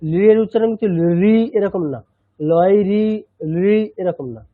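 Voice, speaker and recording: A man teaching a chanting class, patiently explaining and slowly repeating sounds, sometimes switching into English. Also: sits high, no room sound. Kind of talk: online language lesson. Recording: tinny phone-like line.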